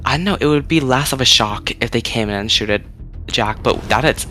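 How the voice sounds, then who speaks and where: A man chatting as a guest on a recap show, excitable and goofy, reacting with gasps. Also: medium pitch, fairly quick, faint music behind. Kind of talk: casual recap chat.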